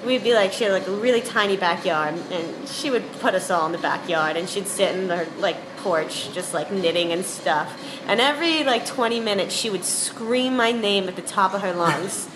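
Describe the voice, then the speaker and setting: A woman's voice: medium pitch, moderate pace, few pauses, background noise. Chatty young Bronx woman. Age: young adult. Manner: chatty, anecdotal storytelling. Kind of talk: casual recorded interview. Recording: echoey, with music behind.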